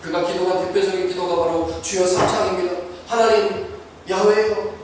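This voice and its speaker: A man's voice: sits high, level tone, fast talker, a little mellow, distant mic, slight background noise. A male pastor preaching a sermon with fervent, rising emphasis in a church sanctuary. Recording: echoey church hall, voice from afar.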